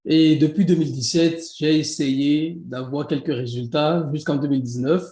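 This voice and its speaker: A man from Benin talks in a casual interview in a Beninese French accent. His voice is a little high and mellow, and his speech is full of restarts and easy laughter. The room around him echoes. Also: steady tone, normal speed. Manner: hesitant, many restarts, laughs easily. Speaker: guest, e-commerce coach.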